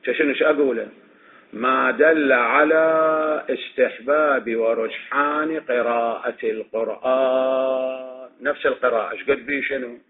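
A man's voice: medium pitch, fairly even intonation, a little slow. A man with an Iraqi Arabic accent teaching a classroom lecture on religious legal reasoning, posing questions and answering them himself, repeating his points. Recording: tinny phone-like recording with faint noise.

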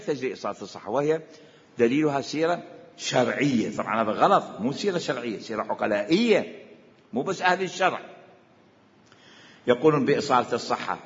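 A man's voice: mid-range voice, a bit bright. A man with an Iraqi accent giving a seminary lecture on Islamic law, questioning and repeating his points for emphasis. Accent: Iraqi Arabic. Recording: echoey hall, dull lo-fi sound.

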